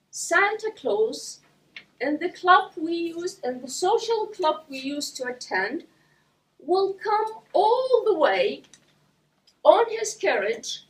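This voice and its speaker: A woman from Iraq delivers a prepared speech to a club audience in a very high-pitched voice, speaking slowly and deliberately with pauses between phrases. Her voice is recorded from a distance.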